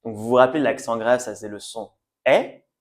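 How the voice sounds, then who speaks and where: A man's voice: mid-range voice, normal speed. A man giving a French language lesson, patiently repeating sounds and words and often checking that learners follow. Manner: checks understanding with "d'accord?". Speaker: French teacher.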